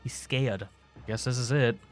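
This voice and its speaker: A man's voice: medium pitch, a little slow, faint music behind. A man hosting a game playthrough, reading the story aloud dramatically with wry, sarcastic asides. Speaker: gaming host reading aloud.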